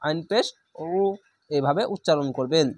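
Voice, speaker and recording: A man teaching Quran reading step by step. He draws each Arabic word out slowly, says it twice, then patiently explains how to pronounce it. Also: a little high. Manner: stretches Arabic words slowly, then explains the rules plainly. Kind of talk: step-by-step recitation lesson.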